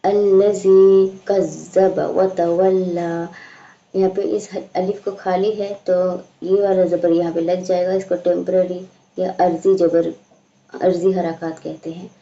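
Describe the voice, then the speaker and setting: A woman teaching a slow, patient recitation lesson, explaining each sound and stretching out the recited words. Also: lowish voice, flat delivery, warm tone. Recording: echoey room, dull lo-fi sound.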